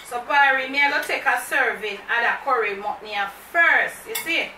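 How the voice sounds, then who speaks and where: A woman's voice: on the high side, moderate pace, pushed and bright. A woman with a Jamaican accent hosting a mukbang vlog, chatting to camera and slipping into patois. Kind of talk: casual chat to camera. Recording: echoey room, mic far off, faint noise.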